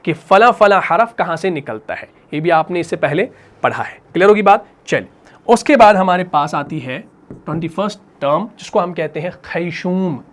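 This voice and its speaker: Male recitation teacher, patient, question-and-answer delivery, slow repetition of key terms. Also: high-pitched, lively intonation, fairly bright tone. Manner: patient, asks questions and answers them himself; repeats each term slowly. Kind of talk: classroom lesson.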